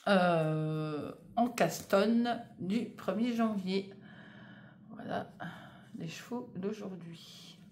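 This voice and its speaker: A woman's voice: medium pitch, vocal fry, darkish tone. A woman chatting casually in a knitting vlog, hesitant with many fillers, filming in her home conservatory. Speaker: knitting vlogger. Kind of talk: casual vlog chat, unboxing yarn.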